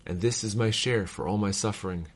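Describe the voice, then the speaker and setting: A man reading old letters aloud in a measured, formal cadence, as a reader of devotional texts. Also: fairly low pitch.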